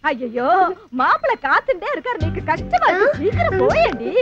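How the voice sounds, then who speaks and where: A woman's voice: very high-pitched, wildly swooping pitch, brisk, exaggerated voice. An actress playing a fussy aunt who scolds her nephew and fawns over a groom. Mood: fawning. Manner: scolding, fawning. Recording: dull film soundtrack with loud music.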